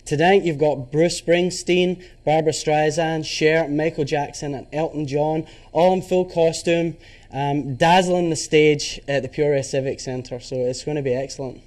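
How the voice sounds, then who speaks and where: A man with a Glasgow accent talks as a guest on a morning TV show. His voice sits a little high, and he sounds cheerful and chatty. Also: steady tone, moderate pace, darkish tone. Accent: Scottish, Glasgow. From Scotland. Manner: upbeat, chatty, laughs easily. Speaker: tribute performer guest. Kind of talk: morning TV interview.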